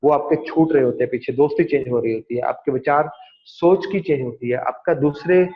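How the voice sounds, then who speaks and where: A man's voice: medium pitch, fairly quick. A man giving an earnest seminar talk on parenting, acting out the lines parents say to their children. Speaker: parenting speaker. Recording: dull lo-fi sound.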